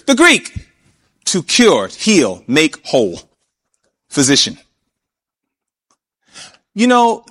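A man preaching a sermon, emphatic, often asking his listeners questions and slowing down to stretch key words. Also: high-pitched, fairly bright tone. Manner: emphatic, asks the audience questions.

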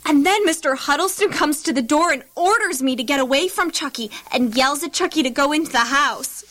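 A woman's voice: sits high, brisk, fairly bright tone. A woman playing an earnest, concerned young child in an audio drama, full of questions. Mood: worried, earnest.

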